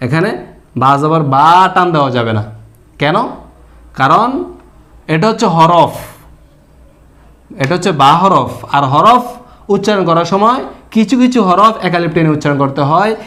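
কুরআন পড়া শেখানো এক পুরুষ শিক্ষক, যিনি ধৈর্য ধরে ব্যাখ্যা করেন, একই কথা বারবার বলেন এবং প্রশ্ন করে নিজেই উত্তর দেন।. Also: male voice, sits high, a bit bright. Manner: explains patiently, repeating points and asking rhetorical questions. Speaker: Quran reading teacher. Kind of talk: lesson.

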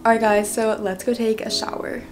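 A young vlogger with a fairly high, level-toned voice talks to camera at a moderate pace, chatting casually and peppering everything with "like". She records on a handheld phone.

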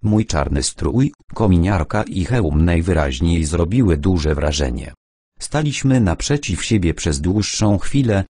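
A man narrating a first-person audiobook in a measured, deliberate storytelling manner, recorded on a close studio mic. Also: deep voice, mellow, husky, no room sound.

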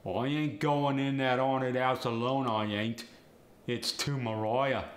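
Slowly and with fairly even intonation, a man in his natural medium-pitched voice plays a cheeky working-class Cockney, acting out punchy, colloquial slang-lesson sentences in a Cockney accent. Faint noise and a roomy echo surround him.

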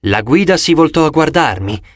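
A man narrates a first-person adventure audiobook with expressive, storytelling delivery. His voice sits a touch high and moves with animated pitch. The studio recording is close and dry. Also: moderate pace, dry recording.

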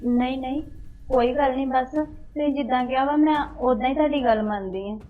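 A woman's voice: high-pitched, fairly quick, lightly acted. A woman playing a timid young married daughter. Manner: soft, pleading, anxious. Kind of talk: amateur family drama acting. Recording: tinny, phone-like recording.

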